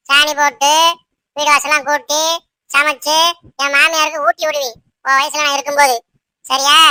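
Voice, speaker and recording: A woman voicing a sharp-tongued, domineering old mother-in-law in a cartoon, scolding and bossing her daughter-in-law. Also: sits high, no echo. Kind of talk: cartoon voice acting.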